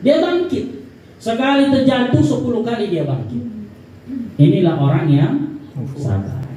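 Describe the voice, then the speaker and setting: A man's voice: extremely high pitch, very animated, unhurried, dark tone. A man giving a religious lecture, talking conversationally, asking the audience questions and acting out everyday speech. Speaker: preacher. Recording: roomy hall, voice from a distance, faint background noise.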